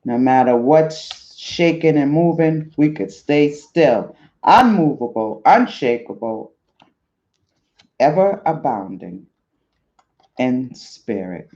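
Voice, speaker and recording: A man giving a slow, encouraging spiritual tarot reading to his viewers, repeating affirming phrases, on a dull lo-fi recording. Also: medium pitch, animated, warm tone. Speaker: spiritual life coach and tarot reader.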